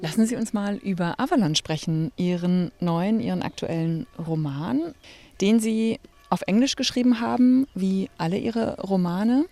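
A woman interviewing an author outdoors, calm and guiding, ending questions with checking tags. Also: medium pitch, moderate pace, soft background music. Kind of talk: radio interview. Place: outdoors among trees and grass.

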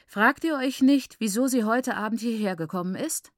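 A woman voicing a bitter, scornful mother who mocks and cackles in a raised, high voice. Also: animated, normal speed, dry recording, studio quality, close to an everyday voice. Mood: mocking. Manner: cackling, jeering, shrill.

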